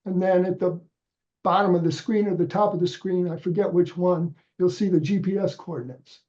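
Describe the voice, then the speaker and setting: A steady, slightly mellow male voice that sits high comes at a normal pace over lo-fi audio. Stuffed up with a head cold, the volunteer trainer takes volunteers patiently through a website step by step on a video call, frequently restarting.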